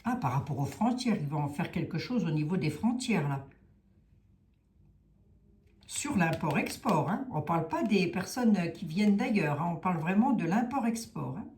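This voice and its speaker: A woman with a Lorraine French accent reads tarot in a casual, musing way, her pitch rising and falling a lot as she thinks aloud. Her voice is mellow and fairly low, and the room gives it a noticeable echo. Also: expressive, moderate pace, a little hiss or hum. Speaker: tarot reader. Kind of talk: casual tarot reading livestream.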